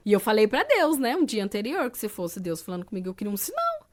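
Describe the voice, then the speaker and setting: A woman's voice: mid-range voice, huge pitch swings, fast, a little mellow. A woman from Brazil telling a personal testimony in a conversational storytelling way, with frequent fillers. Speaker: interviewee recounting her testimony.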